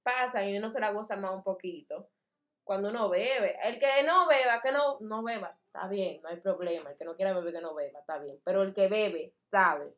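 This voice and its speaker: A woman's voice: mid-range voice, normal speed. A young adult woman in casual chat, speaking emphatically and with firm opinions.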